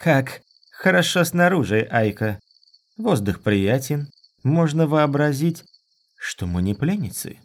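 A man voicing a calm young woman who teases her friend gently. Her lines sit well above his usual pitch and come out slow and soothing. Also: full character voice.

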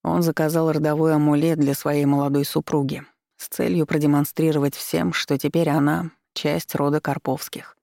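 An audiobook reader giving a steady first-person narration of a romance fantasy novel. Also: mid-range voice, normal speed, vocal fry, no echo, clean studio sound.

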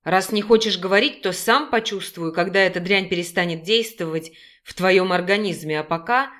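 A woman reading an audiobook and voicing a possessive, domineering bear-shifter man who speaks in a slow, clipped, growling way. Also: fairly low pitch, fairly bright tone, lightly acted. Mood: cold. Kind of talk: audiobook character voice.

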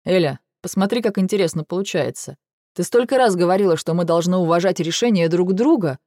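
A brooding male dragon with a stubborn streak and a calm, measured delivery, as a woman reads him in an audiobook. His voice sits a little low, mellow and soft-edged. The recording is dry and close. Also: no echo. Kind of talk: audiobook character reading.

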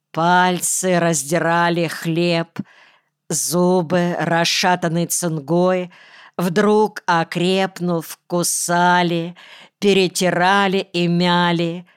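A woman reading a novel aloud as an audiobook narrator, in a measured storytelling manner. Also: fairly low pitch, smooth, no room sound, clean studio sound. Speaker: audiobook reader.

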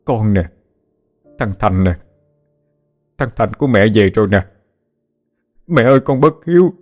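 A man's voice: fairly low pitch, moderate pace, darkish tone, soft background music, lightly acted. A man voicing a grown son who returns home after decades, speaking in a choked, sobbing, pleading way. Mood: sobbing remorse. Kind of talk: audiobook character voice.

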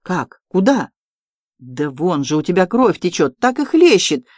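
An audiobook reader voicing an excitable, touchy young Polish nobleman who bursts into loud exclamations. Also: medium pitch, unhurried, no room sound.

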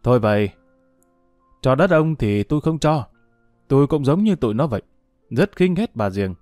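A man voicing a reserved grown stepson, measured and curt. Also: mid-range voice, animated, a little mellow, dry recording, soft background music, lightly acted. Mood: firm.

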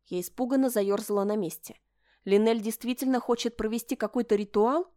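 A woman's voice: fairly high pitch, brisk, mellow, no echo, studio quality. Woman reading a novel in first person. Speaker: audiobook reader.

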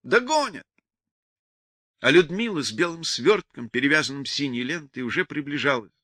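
Bright-voiced male audiobook narrator. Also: medium pitch, fairly quick, no echo. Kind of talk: literary audiobook reading.

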